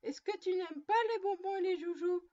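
A woman's voice: very high-pitched, normal speed, warm tone, lo-fi sound, pitched above the performer's own voice. A woman voicing a little girl who scolds her doll in a stern, motherly way. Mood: scolding.

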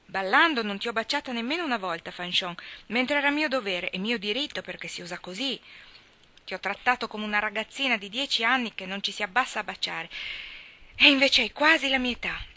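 A woman's voice: a little high, animated, brisk, bright, forceful tone. A woman reading the part of an impetuous young country boy, pleading and insistent.

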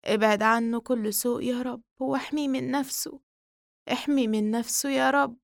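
A woman's voice: on the high side, fairly even intonation, moderate pace, creaky, no room sound, clean studio sound. A woman with an Egyptian accent voicing an anxious mother praying fervently for her son. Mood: pleading. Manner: pleading, fervent prayer.

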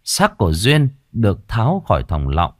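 A man's voice: lowish voice, wildly swooping pitch, normal speed, dry recording, studio quality. A man narrating a horror story in a dramatic, vivid manner, lingering on grim details.

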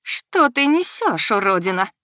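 A woman's voice: mid-range voice, expressive, measured pace, pushed and bright, dry recording, clean studio sound, pitched above the performer's own voice. A woman voicing a proud, vengeful goddess who hisses in fury. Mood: hissing fury. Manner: hissing, furious.

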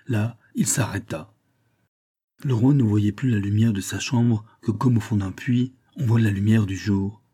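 A male audiobook narrator with a low, dark voice and a husky grain. He reads a classic novel at a steady, measured pace.

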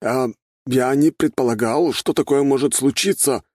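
A man's voice: on the high side, very animated, a little fast, mellow, husky, no room sound, clean studio sound, voice pushed up. A man doing a flustered, deferential old servant. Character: apologetic old werewolf servant, a fire mage. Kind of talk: audiobook character voice.

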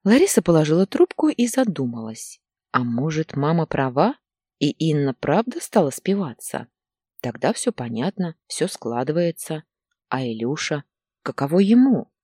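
A woman narrating an audiobook story in an expressive storytelling manner. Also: low voice, moderate pace, husky, no echo, studio quality. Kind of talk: scripted narration.

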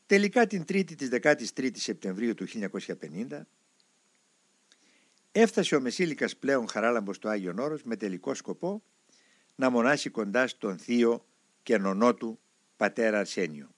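A man narrates a written life story with measured, expressive delivery. His pitch rises and falls in a lively way. The recording is dry and close, with no room sound. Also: no echo. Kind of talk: scripted narration.

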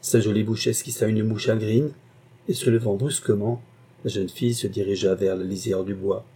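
A man narrating a classic novel in a measured, expressive reading. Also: on the low side, slight background noise. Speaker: audiobook narrator. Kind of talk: literary narration.

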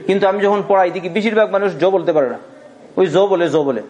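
A man teaching Quran commentary as a sermon, who recites Arabic verses slowly and keeps putting rhetorical questions to his listeners. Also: sits high, a little mellow, a little hiss or hum. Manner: asks the audience rhetorical questions. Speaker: Quran teacher giving tafsir.

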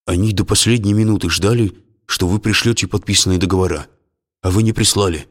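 A man's voice: sits low, fairly quick. A man playing a jumpy, flustered lawyer. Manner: flustered and jumpy, dropping into whispers. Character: nervous middle-aged male factory lawyer.

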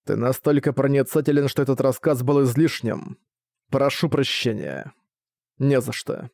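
A man's voice: mid-range voice, normal speed, creaky, darkish tone, no room sound, clean studio sound, natural voice. A man voicing a cold, scheming older male ninja commander who speaks in a level, icy way.

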